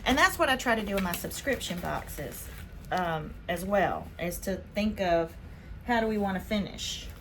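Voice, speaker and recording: A woman from Spain hosting a casual haul vlog, chatting excitedly as she unboxes her purchases. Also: mid-range voice, moderate pace, a little hiss or hum. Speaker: vlog host.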